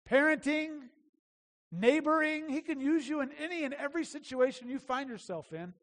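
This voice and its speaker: A man's voice: extremely high pitch, long reverb tail. A man preaching a sermon in a conversational, emphatic way, repeating key phrases. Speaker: pastor.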